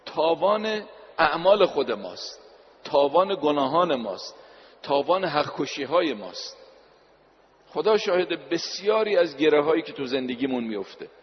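A male preacher giving a religious sermon, slowing down to recite scripture and repeating key lines for emphasis. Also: a little high, sing-song, a little hiss or hum. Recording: dull recording in a reverberant hall.

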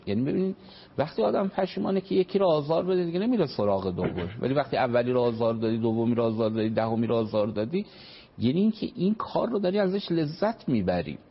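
On a dull, lo-fi radio broadcast, a family counselor talks through parenting in a creaky, husky mid-range voice. He comes across as earnest, explaining patiently with plenty of examples and courteous, formal turns of phrase.

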